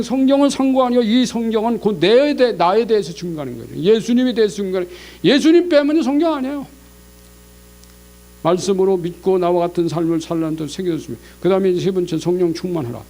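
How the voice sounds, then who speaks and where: A male pastor preaching a Sunday sermon in a lively way, breaking into God's scolding voice and chuckling between points. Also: high voice. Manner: animated, acts out God's scolding voice. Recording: mains hum in the background.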